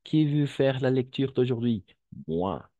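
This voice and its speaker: A man's voice: medium pitch, lively intonation, a little slow, mellow, no echo, muffled recording. A man teaching a French lesson to Spanish speakers, patient and repetitive, checking often that students understand.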